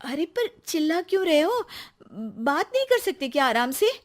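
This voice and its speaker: Earnest young wife in a cartoon story, woman doing it, pleading and a bit high. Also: very animated, normal speed. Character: earnest young wife, trusting and easily upset. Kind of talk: animated storybook voice acting.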